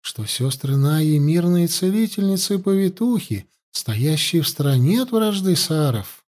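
A man voicing a young princess in an audiobook who speaks with forced calm. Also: fairly high pitch, measured pace, voice pushed up. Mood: restrained. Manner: forced calm, then defiant. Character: young princess, proud and defiant.

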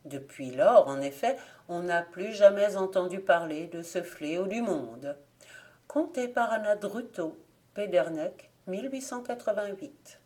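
A woman reading folk tales aloud as an audiobook narrator, with steady, clear storytelling. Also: lowish voice, measured pace. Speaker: volunteer audiobook reader.

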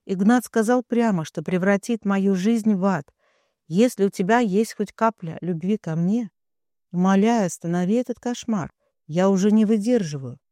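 A man's voice: high-pitched, moderate pace, mellow, no echo, studio quality, natural voice. A man voicing a distraught young woman who pleads through tears and lashes out at her parents. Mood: pleading. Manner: tearful pleading.

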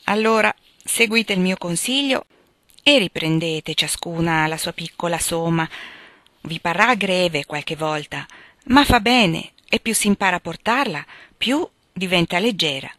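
A woman voicing a gentle, wise mother who speaks in a patient, instructive tone, in a dry recording. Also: on the low side, unhurried, no room sound.

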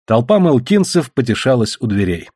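A man narrating an audiobook in an expressive storytelling manner. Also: mid-range voice, normal speed, breathy edge, no room sound, studio quality. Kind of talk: scripted narration.

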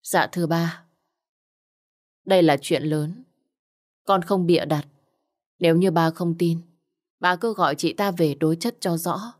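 A woman's voice: on the low side, unhurried, long pauses. A woman voicing a cold, scornful young woman in a spoken story.

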